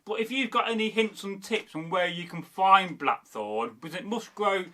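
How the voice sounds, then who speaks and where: A man from Derby, England, with a high, sharp voice and lively intonation talks at a normal pace. He's a history channel host reading viewer comments, chatting loosely and rambling off on tangents, full of fillers and restarts.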